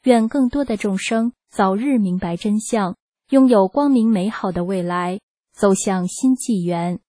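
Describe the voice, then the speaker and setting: A woman reading a first-person testimony aloud for radio, earnest and measured. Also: mid-range voice, warm tone, no room sound. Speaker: radio reader. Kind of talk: scripted narration, read aloud.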